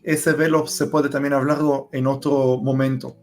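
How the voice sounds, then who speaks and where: A man's voice: medium pitch, level tone, moderate pace, faint music behind. A man explaining Bible passages, hesitating with many fillers as he goes. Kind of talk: religious discussion.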